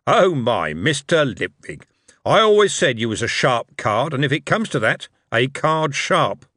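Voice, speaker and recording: A man's voice: mid-range voice, very animated, unhurried, bright, forceful tone, no echo, studio quality, pitched above the performer's own voice, full character voice. A man voicing a jovial, shrewd older male tycoon who talks in coarse, chummy street slang. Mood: hearty.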